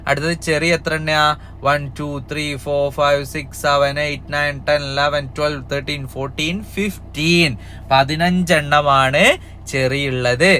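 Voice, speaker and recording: A man's voice: fairly high pitch, fairly even intonation, slow pace, pushed and bright, a little hiss or hum. A man teaching young children in a cheerful, coaxing way, asking them lots of questions as he goes through an exam paper. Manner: cheerful, coaxing, asks kids many questions. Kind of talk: upbeat exam-prep lesson for young children.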